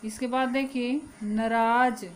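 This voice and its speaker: A woman teaching a grammar lesson who addresses her students as children and repeats each word slowly as a drill. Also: fairly high pitch, fairly even intonation, poor audio. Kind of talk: classroom-style lesson.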